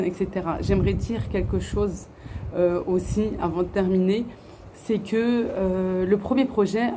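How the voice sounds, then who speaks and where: A middle-aged French woman, a family vlogger, chats earnestly to camera and answers viewers' questions, using many fillers and restarts. Her fairly low voice is mellow, with slight background noise and faint outdoor ambience.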